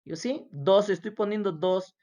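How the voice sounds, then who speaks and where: A woman's voice: medium pitch, a little slow, warm tone. A woman whose first language is Spanish, teaching a language class, patiently repeating words for her students to echo. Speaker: English teacher.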